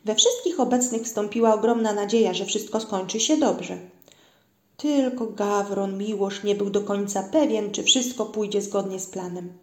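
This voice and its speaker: A woman's voice: medium pitch, normal speed. Woman reading a children's story, roomy. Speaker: narrator. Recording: roomy echo.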